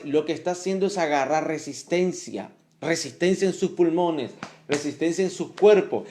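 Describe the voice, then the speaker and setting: A man preaching a sermon with animated exclamations, acting out little scenes and repeating phrases for emphasis. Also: a little high.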